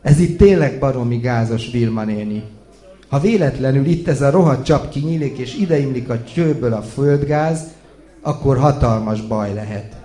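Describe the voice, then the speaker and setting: A man's voice: mid-range voice, lightly acted. A man voicing a rowdy tipsy handyman. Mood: boisterous. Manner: loud, excited shouting. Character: tipsy, boastful man fixing wiring. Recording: echoey room.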